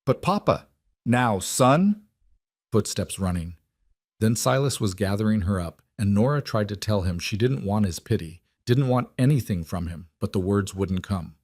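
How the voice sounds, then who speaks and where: A man narrating a western romance story in a measured, dramatic way. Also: lowish voice, mellow, no room sound, studio quality.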